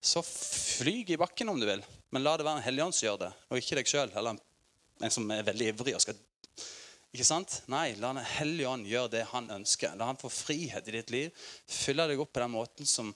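Lively Norwegian preacher man telling stories. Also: medium pitch. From Norway. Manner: lively storytelling with laughter, acted quotes. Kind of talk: sermon.

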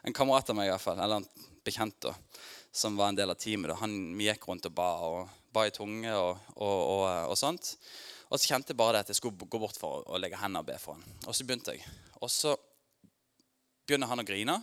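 A man preaching in a church, talking informally to his congregation, laughing often, asking people questions and growing loud and excited when telling his own story. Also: fairly low pitch, smooth. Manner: informal and chatty, with filler words and restarts, laughing often; asks the congregation questions and addresses them by name. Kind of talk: conversational sermon with personal testimony.

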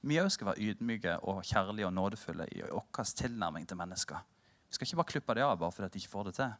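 Male preacher, 30s, sermon storyteller, expressive and wide-ranging delivery, playful asides. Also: lowish voice. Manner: storytelling, animated and humorous with the congregation.

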